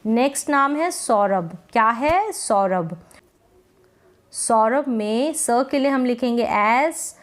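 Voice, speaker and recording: A woman giving a spelling lesson, spelling letter by letter and repeating each answer as a drill. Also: on the high side. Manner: slow and deliberate. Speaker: teacher.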